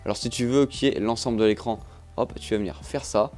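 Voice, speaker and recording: A man with a French accent talks through a phone review in a relaxed, conversational way. He often asks a question and answers it himself. His voice sits in a middle pitch, with faint music playing underneath. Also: quick pace. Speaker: tech reviewer. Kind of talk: product review narration.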